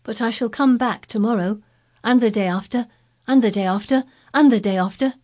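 A woman's voice: medium pitch, moderate pace, darkish tone, pitched above the performer's own voice, lightly acted. A woman doing an eager frail boy. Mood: hopeful. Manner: eager, wondering, breathless. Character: excitable frail young boy.

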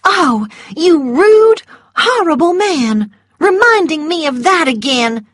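A woman's voice: high-pitched, very animated, normal speed, dry recording, studio quality, voice pushed up. A woman voicing a vain, spoiled young Southern belle who speaks in a petulant, indignant way.

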